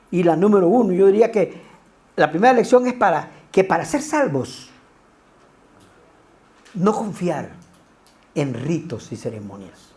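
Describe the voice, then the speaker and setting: Animated preacher man with a mellow voice. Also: sits high. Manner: animated preaching, rhetorical asides. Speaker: pastor. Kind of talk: sermon.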